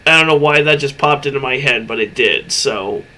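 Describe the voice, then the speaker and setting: A man co-hosting a casual livestream over a headset mic, easygoing and quick to laugh between remarks. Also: medium pitch, sharp tone. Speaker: streamer co-host.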